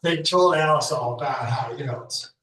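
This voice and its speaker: A man's voice: fairly high pitch, normal speed, bright, forceful tone. A man giving an off-the-cuff tribute at a memorial, telling stories in a chatty way with laughs. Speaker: speaker at a memorial. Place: school hall. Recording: echoey hall, mic heard from a distance.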